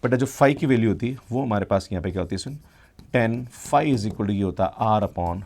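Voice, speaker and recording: A middle-aged man gives a math lecture at the board. His voice is low and gravelly. He talks to the students in a familiar way, checking "hai na" again and again. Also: moderate pace, a little mellow. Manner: addresses students as "beta", constant "hai na" check-ins. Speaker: math teacher.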